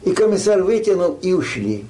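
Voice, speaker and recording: A man's voice: high-pitched, very animated, fairly quick, warm tone, poor audio. An older man telling a war story like a grandpa, rambling and colloquial, acting out dialogue. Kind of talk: casual oral war storytelling.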